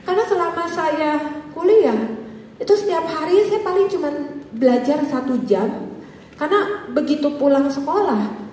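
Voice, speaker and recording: A high-pitched, middle-aged woman with a Jakarta accent gives a personal testimony to a church congregation. She tells her story with life and keeps turning to the listeners as brothers and sisters. Her voice rings through a large, strongly echoing hall and comes from well off the microphone. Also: lively intonation, moderate pace, long pauses, darkish tone, slight background noise. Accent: Jakarta Indonesian. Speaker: physician giving a church testimony. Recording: echoey hall, voice from far off.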